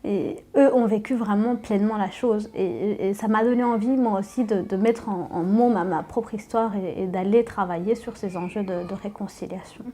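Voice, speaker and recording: A woman's voice: mid-range voice, fairly even intonation, moderate pace, few pauses, mellow. A woman in her twenties from Rwanda, giving a personal testimony, hesitant and repeating words. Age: 20s.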